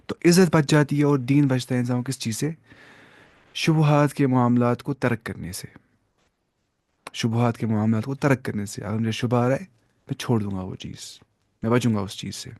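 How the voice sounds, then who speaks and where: A man's voice: medium pitch, steady tone, darkish tone, dry recording. A man teaching a religious lesson in a classroom, explaining step by step, quoting Arabic and mixing in English terms.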